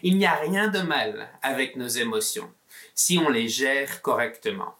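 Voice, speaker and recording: A male pastor delivers a sermon message with a mixed Belgian and southern French accent. He speaks slowly and carefully, and his tone is bright and forward. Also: medium pitch.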